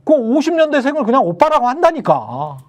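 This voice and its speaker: A man's voice: extremely high pitch, big pitch swings, a little fast. A man on a political talk show, telling firsthand anecdotes in an emphatic, conversational way. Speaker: political panelist.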